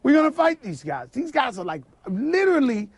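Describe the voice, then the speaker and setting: A man with a high, gravelly, husky voice, swooping all over as he tells a lively anecdote and acts out the other people in it. The sound is dry and close on a studio mic, and the telling is full of energy. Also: fairly quick, no echo. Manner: acts out quotes, shouting and laughing. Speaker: guest. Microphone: radio studio mic.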